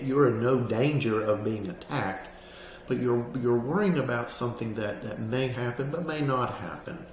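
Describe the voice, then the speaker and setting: A man with a mid-pitched voice gives a calm, instructive talk in the manner of a counselor leading a grounding exercise. His delivery is plain-spoken and explanatory. The room adds noticeable echo, and there is faint noise behind him. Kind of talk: explanatory lesson on anxiety grounding, spoken to camera.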